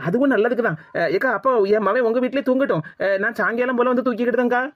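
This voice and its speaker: A woman voicing a sharp-tongued young wife in Tirunelveli Tamil. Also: fairly high pitch, racing, dry recording, lo-fi sound, lightly acted. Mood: coaxing. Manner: sarcastic, defiant.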